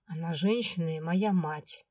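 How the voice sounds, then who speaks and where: A woman voicing a stern, possessive male dragon lord who speaks in a gruff, commanding way. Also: fairly low pitch, measured pace, a little mellow, dry recording, studio quality.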